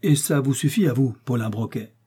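A man voicing an excitable, impatient American male detective who fires off insistent questions in an audiobook. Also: mid-range voice, brisk, slightly rough, close to an everyday voice. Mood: pressing. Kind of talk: audiobook character voice.

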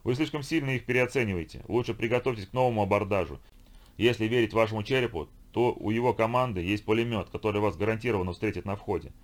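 A man's voice: lowish voice, quick pace, lightly acted. A man voicing a brutal viking pirate chieftain in an audiobook, barking orders and threats. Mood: commanding. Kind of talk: audiobook character voice.

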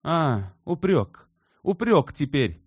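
A hot-tempered young sculptor flares up in a high, strained, loud voice, as a male reader puts him on. His pitch leaps far above his usual speech and swings wildly. The sound is dry and close. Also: sing-song, moderate pace, no echo. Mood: heated. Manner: heated, shrill outbursts. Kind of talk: audiobook character reading.

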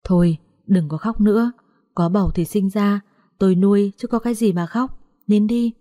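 A woman's voice: medium pitch, normal speed, warm tone, no room sound, studio quality, natural voice. A woman voicing a young master of the house who speaks firmly but kindly. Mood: soothing. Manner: firm, serious.

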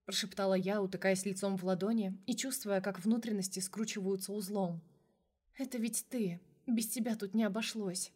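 A woman's voice: mid-range voice, darkish tone. A woman narrating a first-person novel as an audiobook, reading with strong emotion.

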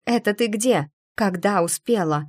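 A woman voicing an excitable young female friend who talks loudly and eagerly. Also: medium pitch, breathy edge, voice pushed up. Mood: excited. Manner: loud, eager, quick to cheer up.

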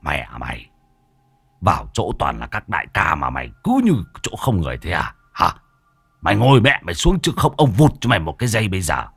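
A man's voice: low-pitched, big pitch swings, a little fast, a bit bright, dry recording, heavily acted. A man doing a coarse swearing thug. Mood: threatening. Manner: rough, swearing, threatening. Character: coarse bullying male thug, brash. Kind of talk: storytelling.

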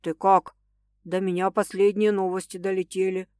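A woman's voice: mid-range voice, level tone, normal speed, dry recording, studio quality, pitched below the performer's own voice, close to an everyday voice. Woman voicing a hot-tempered young man. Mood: concerned. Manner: fierce, shouting.

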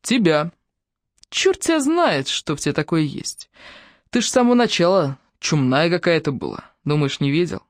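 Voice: mid-range voice, expressive, moderate pace, no echo, close to an everyday voice. Audiobook: reader playing crude, possessive man, swearing, menacing, dry studio read. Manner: coarse, threatening, swearing.

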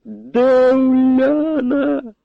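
Brief: man as a raging Cossack captain hunting his daughter, harsh shouts, big pitch jumps, dry close sound. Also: big pitch swings, slow pace, gravelly, no echo, dull audio, exaggerated voice. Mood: furious. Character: furious male Cossack captain, wild and desperate father.

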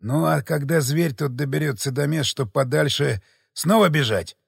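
A man voicing a calm, thoughtful male leader with a quiet, measured, gravelly, husky delivery. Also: fairly high pitch, no echo, studio quality, exaggerated voice.

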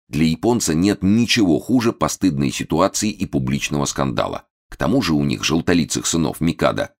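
A man narrating a novel with a very low, deep voice that still moves freely up and down. His reading is expressive and lively, shaping each sentence like storytelling. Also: creaky. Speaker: audiobook narrator. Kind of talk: scripted narration.

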